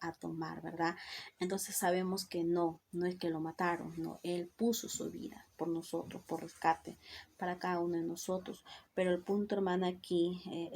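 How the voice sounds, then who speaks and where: A woman's voice: fairly low pitch, vocal fry, a little mellow, breathy edge. A woman giving an earnest devotional Bible teaching, often asking "¿verdad?" and addressing her listener as sister. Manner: repeatedly says "hermana" and "¿verdad?"; earnest, with slips and restarts. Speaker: preacher.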